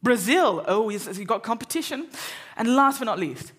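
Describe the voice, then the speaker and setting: This English event host jokes and chats with a live audience in a lecture hall, teasing the crowd from the stage. Her voice leans high, with lively intonation, and she talks fairly quickly.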